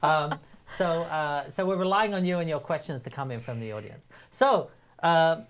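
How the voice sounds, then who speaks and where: A man's voice: a little high, moderate pace, noisy background. A man hosting a live web show, upbeat but stumbling over his words as he announces news and introduces guests. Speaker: host.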